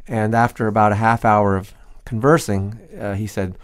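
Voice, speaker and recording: A middle-aged man talking informally as an interview guest, telling stories in a halting, reflective, conversational way. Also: fairly low pitch, fairly even intonation. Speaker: interview guest, cellist and music teacher. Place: radio studio.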